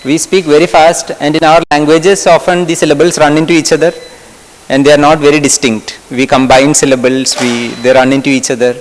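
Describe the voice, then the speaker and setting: A man's voice: a little high, flat delivery, a little fast. Malayali man lecturing in an echoing hall. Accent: Malayali English. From Kerala, India. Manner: conversational, asks the audience questions, chuckles. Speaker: medical lecturer. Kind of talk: workshop lecture.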